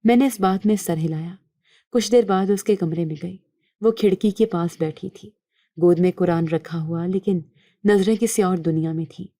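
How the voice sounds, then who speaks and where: Woman, storyteller, first-person narration, calm measured pace, low warm voice. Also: no room sound, studio quality.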